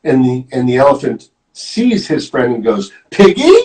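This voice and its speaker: A man's voice: mid-range voice, recorded from a distance, poor audio. A man reading a children's picture book aloud as a volunteer storyteller, explaining the pictures as he goes. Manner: slow, animated, explaining the pictures.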